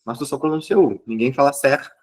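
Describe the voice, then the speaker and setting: A man's voice: fairly high pitch, normal speed. A male teacher, giving an exam review lesson and checking in with listeners as he explains. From southern Brazil.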